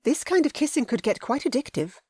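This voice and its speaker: A woman voicing an earnest, lovestruck young noble lady in a romance audiobook, eager and breathy. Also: sits high, sing-song, a little fast, dark tone, dry recording, studio quality, pitched above the performer's own voice, exaggerated voice.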